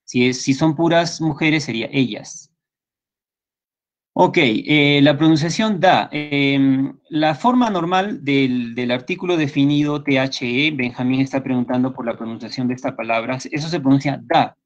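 A male English teacher with a Peruvian Spanish accent, speaking at a middling pitch in a patient, repetitive way. He keeps checking that his students follow along. The sound is a little dull and lo-fi. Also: normal speed. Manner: patient, repeats points and checks understanding with students. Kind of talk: online class lecture.

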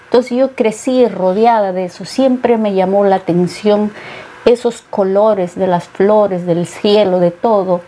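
Hesitant, mellow-voiced woman painter from Peru. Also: medium pitch, unhurried. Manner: thoughtful, many hesitations. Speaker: painter guest. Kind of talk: interview conversation. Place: studio set with bookshelves.

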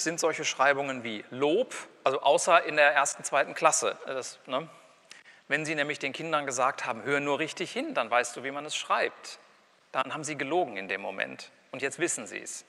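Male lecturer, bright clear voice, conversational, wry asides, pronounces examples aloud, long hall reverb. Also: mid-range voice. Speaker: university lecturer. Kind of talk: university lecture.

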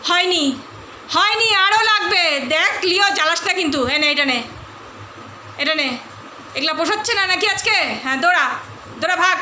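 A very high-pitched woman films a home vlog, chatting to viewers and calling out her dog in rapid, repeated commands. The room is echoey, and steady background noise sits under her voice. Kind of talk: casual home vlog narration. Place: inside a home.

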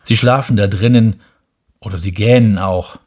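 A man's voice: lowish voice, normal speed, a little mellow. A man doing a weary railway switchman. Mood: matter-of-fact.

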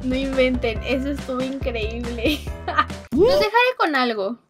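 A woman giving excitable gameplay commentary, laughing often and bursting into exclamations. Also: high-pitched, unhurried, faint music behind. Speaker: gaming video host.

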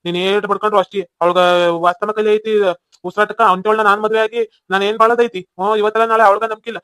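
A man plays a headstrong young cartoon villager who refuses to budge, with a North Karnataka Kannada accent. His voice is fairly high and flat in tone, smooth, and delivered at a very fast pace. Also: dry recording. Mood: stubborn. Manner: stubborn, insistent. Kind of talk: cartoon voice acting.

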